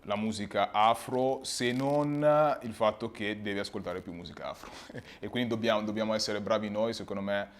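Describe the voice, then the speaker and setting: A man, a music producer, talking casually in an interview in a halting, self-correcting way. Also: lowish voice, slight background noise.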